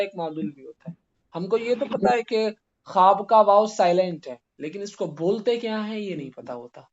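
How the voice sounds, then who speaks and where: A male grammar teacher giving a classroom lesson, spelling out letters slowly and putting questions to his students. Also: sits high, darkish tone, lo-fi sound.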